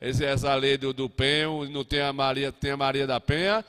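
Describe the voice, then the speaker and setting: A man's voice: mid-range voice, fairly even intonation, normal speed, a bit bright, clean tone. A man hosting a live radio show, joking in a folksy, teasing way and calling friends compadre.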